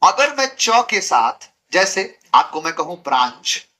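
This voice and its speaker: In a classroom grammar lesson, a man teaches English through Hindi, repeating letter sounds as drills and putting questions to his students. His voice is slightly high and sharp, with wide pitch swings and a somewhat slow delivery.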